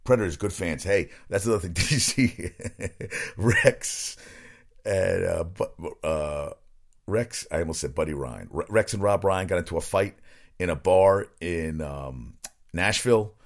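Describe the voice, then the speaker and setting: A man's voice: sits low, unhurried, creaky. A man hosting his own sports podcast, rambling casually from topic to topic and swearing freely. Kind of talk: casual solo sports talk.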